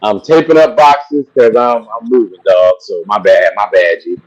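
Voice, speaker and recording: A man's voice: lowish voice, a little mellow. Laid-back man on a dull lo-fi mic. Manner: laid-back, agreeable, quick to back others up. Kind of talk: casual sports-show chat.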